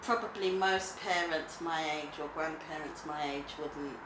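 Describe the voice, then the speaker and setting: A woman's voice: deep voice, steady tone, unhurried. A middle-aged woman, speaking emotionally and laughing easily in a casual interview. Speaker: interviewee, mother and grandmother. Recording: echoey room with background noise.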